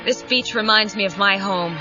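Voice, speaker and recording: A woman's voice: mid-range voice, normal speed, natural voice. A woman playing a noble, wistful Amazon superheroine in an audio drama, formal and reflective. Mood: wistful, proud. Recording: dull cassette sound, music behind.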